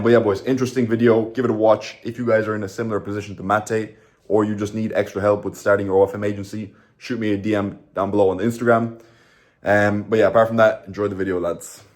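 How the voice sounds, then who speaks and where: Male host, lowish voice, casual slangy interview talk. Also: a little mellow. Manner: casual, slangy, says boys and lads.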